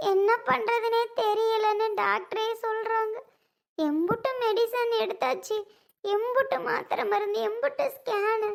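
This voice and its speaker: Lady doing a crying young wife, high wailing voice. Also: sharp tone. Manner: sobbing, tearful, wailing lament. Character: heartbroken young wife, weeping and pleading.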